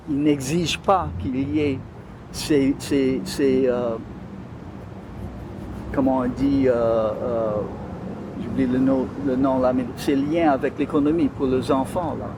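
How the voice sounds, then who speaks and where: A man's voice: medium pitch, fairly even intonation, takes it slowly, noisy background. A man with a Louisiana French accent talking in an interview, hesitating often as he searches for words. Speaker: interview guest. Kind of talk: conversational interview.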